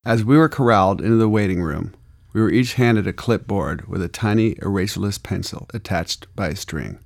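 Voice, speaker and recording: Male memoir narrator from Arizona, low voice, wry and gritty delivery. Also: animated, brisk, gravelly.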